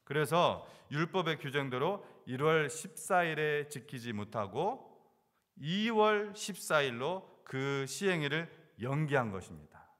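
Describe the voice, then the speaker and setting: A man's voice: a little high, expressive, a little slow, a bit bright, big-room sound. A male pastor preaching a sermon, asking the congregation questions and repeating key words for emphasis. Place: church sanctuary.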